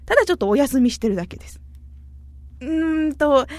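A woman with a Kyushu Japanese accent hosts a casual radio show, reading out listener mail with a playful, chatty manner. Her voice sits a little high. The recording is dry and close, with no room sound. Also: expressive, fairly quick, a little mellow, dry recording. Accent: Kyushu Japanese dialect. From Kumamoto, Japan. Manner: playful, chatty, often slips into dialect.

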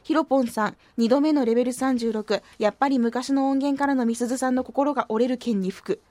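A woman's voice: high-pitched, steady tone, a little fast, mellow, dry recording. A woman hosting a radio show, chatting casually and reading listener posts in a playful, self-mocking way with a slight lilt. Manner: playful, self-mocking, puts on silly voices.

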